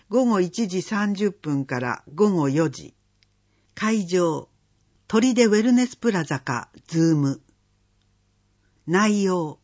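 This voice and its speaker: A slow, measured voice reads out community event listings one item at a time, with a husky, breathy edge and a lively rise and fall in pitch. The recording sounds dull and lo-fi. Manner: slow, measured listing of dates and phone numbers. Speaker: announcement reader.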